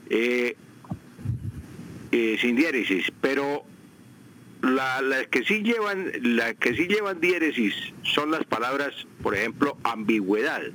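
A man speaks on a radio broadcast as a language advisor. He explains grammar at a measured pace, says "eh" and "mm" often, and slowly repeats the example words. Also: mid-range voice, a bit bright, slight background noise, low-quality recording. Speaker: language expert on a radio show. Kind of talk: radio language advice segment.

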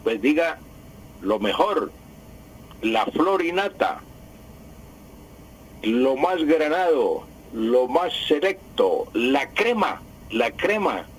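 A man's voice: mid-range voice, big pitch swings, very slow, long pauses, husky, low-quality recording. A man, a language expert on a radio show, explaining patiently, repeating key words and correcting himself.

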